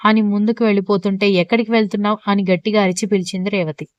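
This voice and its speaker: A woman narrating a romantic audio story in a brisk, smooth storytelling voice. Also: mid-range voice, flat delivery, dry recording, highs cut off.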